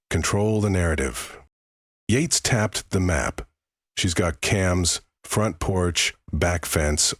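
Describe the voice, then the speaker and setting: Deep, slow, husky male storyteller. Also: no echo, studio quality. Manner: grave, measured. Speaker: narrator. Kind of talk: scripted first-person story narration.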